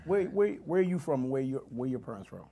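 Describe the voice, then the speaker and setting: A man hosting a radio show, chatting loudly and excitably with guests in DC slang, with lots of quick restarts. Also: medium pitch, vocal fry, slight background noise. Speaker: radio host. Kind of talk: casual studio chat.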